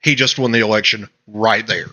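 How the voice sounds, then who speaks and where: A male podcast host delivering casual political commentary in a bright, forceful voice. He rants emphatically, piling up clauses and restarting mid-thought. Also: fairly low pitch, fairly even intonation, fairly quick. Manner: emphatic, ranting, trailing restarts.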